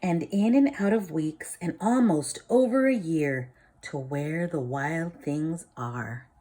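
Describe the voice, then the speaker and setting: A woman reading a picture book aloud, expressive, dropping low and soft for dramatic lines. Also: takes it slowly. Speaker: storybook reader.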